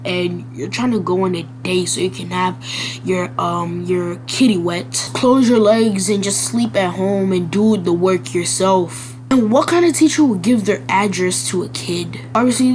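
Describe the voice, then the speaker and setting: A woman's voice: mid-range voice, darkish tone. A woman hosting a reaction video in casual, blunt and crude commentary, rambling with lots of fillers.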